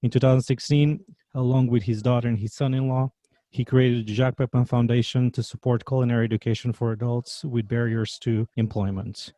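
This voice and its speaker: Man with a Portuguese accent, dark tone. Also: medium pitch, little pitch movement, a little fast, no echo, studio quality. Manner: upbeat, loud scripted welcome. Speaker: podcast host. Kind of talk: podcast interview.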